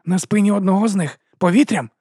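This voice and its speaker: A steady, loyal wolf speaking in simple, earnest words, his voice pitched somewhat higher, as a man reading a storybook puts him on. The recording is dry and close-miked. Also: fast, slightly rough, no echo. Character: loyal male wolf, plain-spoken and steady. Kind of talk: audiobook character voice.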